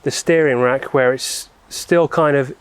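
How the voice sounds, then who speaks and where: A man narrates a hands-on repair job in an average-pitched voice. He talks informally and explains things step by step, in the casual way of a how-to vlogger. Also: steady tone, measured pace, clear, resonant tone, dry recording. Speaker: presenter of a car repair vlog.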